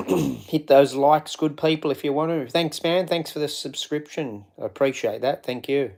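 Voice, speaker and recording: Gravelly man chatting on a live stream. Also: a little high, normal speed, darkish tone. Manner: rambling, greets viewers by name. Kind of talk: casual live stream chat.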